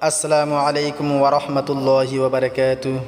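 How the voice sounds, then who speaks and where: A man teaching correct Quran pronunciation, explaining each sound and chanting the verses slowly. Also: mid-range voice, completely flat delivery, darkish tone, reverberant, in a large hall, faint music behind. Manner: slow, drawn-out chanting of verses between plain explanations.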